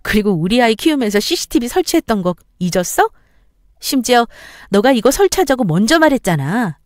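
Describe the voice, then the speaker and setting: A woman acting out a betrayed wife who shouts back with cutting retorts, in a story-radio reading. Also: a little high, big pitch swings, fairly quick, no room sound, clean studio sound. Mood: furious. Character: betrayed furious young wife, sharp-tongued.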